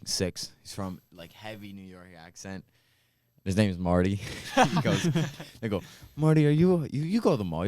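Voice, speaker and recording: A man's voice: sits low, darkish tone. A young man co-hosting a podcast, swearing freely and telling boastful stories. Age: young adult. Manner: crude, swearing, boastful storyteller. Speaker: podcast co-host. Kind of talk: casual chat.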